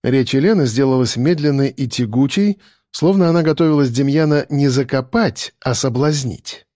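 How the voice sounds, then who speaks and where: A man's voice: normal speed, dark tone, no echo, clean studio sound. A man narrating a story and voicing its characters in the dialogue. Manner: voices many characters with shifting pitch. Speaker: audiobook narrator. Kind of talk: scripted narration with acted dialogue.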